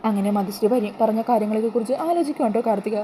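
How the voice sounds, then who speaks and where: A woman's voice: fairly high pitch, racing, mellow, a little hiss or hum, rough recording. A woman narrating a drama story in a chatty, casual storytelling manner. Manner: chatty, adds tag words to sentences.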